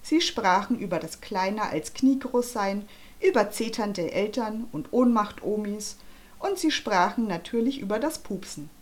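A woman narrating a children's audiobook in a lively storytelling manner. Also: medium pitch, measured pace.

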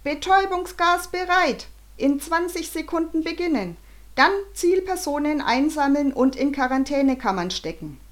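A woman voicing villainous women who bark orders through megaphones in a very high, loud voice. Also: animated, moderate pace. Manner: barking orders.

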